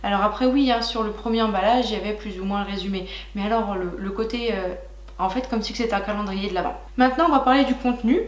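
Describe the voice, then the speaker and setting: A young woman chatting warmly to her viewers while unboxing makeup, gushing and filling pauses with little hesitations. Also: medium pitch, reverberant. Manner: chatty and gushing, many fillers, talks to viewers as "licornes". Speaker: beauty vlogger. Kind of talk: casual makeup haul chat.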